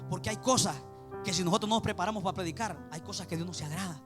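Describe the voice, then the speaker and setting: Over music, a man delivers a fervent Spanish sermon, addressing listeners as beloved brothers and repeating his phrases again and again. He speaks rapid-fire in a voice that sits high.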